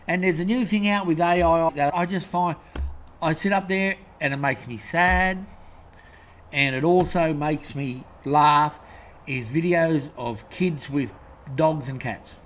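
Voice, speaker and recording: Swearing nonstop, this Australian host rambles through an angry rant to camera on his own show. His voice sits high with a fairly bright tone, and there's slight background noise.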